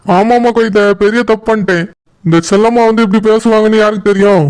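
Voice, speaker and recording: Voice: medium pitch, fairly even intonation, fast, darkish tone, smooth, lightly acted. A performer voicing a worried father of the bride in a cartoon, earnest and apologetic, with a Kanyakumari Tamil accent. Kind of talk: cartoon voice acting.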